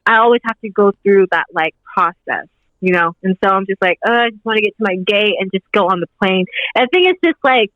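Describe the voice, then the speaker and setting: A woman's voice: medium pitch, animated, a little fast, no echo, muffled recording. A woman in her twenties, a podcast guest chatting casually in an upbeat, rambling way, leaning on "like" a lot. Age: 20s. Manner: rambling, upbeat, heavy use of "like". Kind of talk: casual interview chat.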